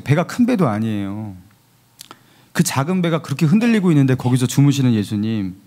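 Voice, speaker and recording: A man's voice: a little high, darkish tone. A man, the pastor, preaching a Sunday sermon and asking the congregation questions as he goes.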